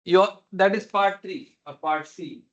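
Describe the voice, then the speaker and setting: Male lecturer, slightly high voice, didactic question-and-explain delivery, dull lo-fi video call audio. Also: a little slow, a bit bright. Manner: didactic, repeats and checks understanding. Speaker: lecturer teaching numerical methods. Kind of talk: explanatory online class, questioning students. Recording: dull, lo-fi online meeting audio.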